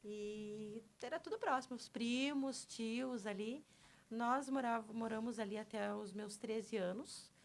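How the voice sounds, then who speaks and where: A woman's voice: fairly high pitch, measured pace. A woman from Porto Alegre with a Gaúcho accent, a podcast guest telling her life story in a chatty way, often adding tag questions, close to a studio microphone. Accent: Gaúcho Portuguese. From Porto Alegre, southern Brazil. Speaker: podcast guest, personal trainer. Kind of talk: conversational storytelling.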